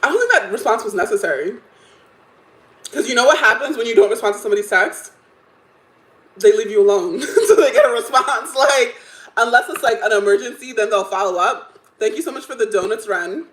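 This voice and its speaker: A woman's voice: fairly high pitch, fairly quick, a bit bright, reverberant, poor audio. A woman in her thirties hosting a livestream, chatting casually and giving strong opinions with frequent laughs. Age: 30s. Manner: chatty, opinionated, laughs often, many "like" fillers. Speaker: livestream host. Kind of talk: casual chat reacting to stories and chat comments.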